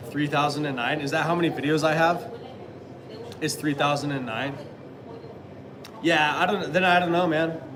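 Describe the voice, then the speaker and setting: A man's voice: on the high side, steady tone, unhurried, pauses often, a crowd in the background, poor audio. A man in his thirties chatting casually on a live stream, answering viewers with rambling, hesitant talk full of fillers and restarts. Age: 30s.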